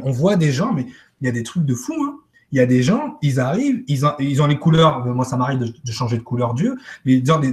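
Soft-spoken man, halting and repetitive. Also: mid-range voice. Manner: halting, repeats words, trails off quietly. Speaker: guest speaker. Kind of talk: casual live-stream talk.

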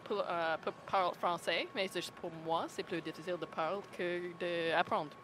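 A woman with an English Canadian accent and English as her first language, speaking haltingly as an interview guest. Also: on the low side, fairly even intonation, a crowd in the background. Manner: halting, searching for words.

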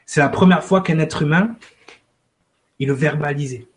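A man telling a personal story in casual talk, acting out both sides of the dialogue and dropping lower and quieter in the emotional parts. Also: normal speed. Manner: lively, acts out dialogue, repeats "j'ai dit".

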